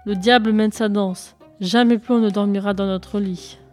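A woman's voice: mid-range voice, fairly even intonation, normal speed, darkish tone, soft background music, lightly acted. A woman voicing a frightened superstitious farmer talking to his wife in a read-aloud story. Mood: fearful.

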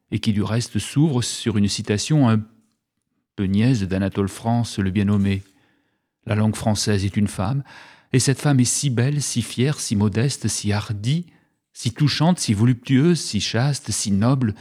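A man's voice: medium pitch, a little mellow. A man giving a comic radio chronicle in a mock-solemn, pompous manner, like a presidential address, with playful mock-learned wordplay. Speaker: radio humor columnist.

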